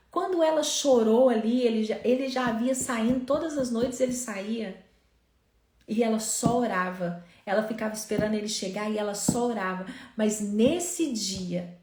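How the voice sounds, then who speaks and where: A woman's voice: medium pitch, darkish tone, reverberant. A woman preaching a sermon to mothers, telling family stories in an earnest way. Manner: earnest storytelling, voicing family members in quotes. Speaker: preacher at a mothers' prayer meeting.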